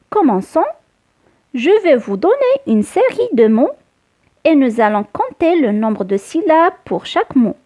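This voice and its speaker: A woman's voice: sits high, dark tone. A woman teaching small children a spelling and syllable lesson, patient and sing-song. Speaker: kindergarten teacher. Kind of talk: slow scripted children's lesson.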